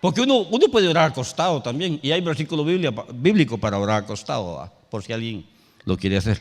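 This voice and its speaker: A male pastor preaching a sermon. He tells a personal story and rises to loud, emphatic calls. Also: medium pitch, animated, fast, long reverb tail. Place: church sanctuary.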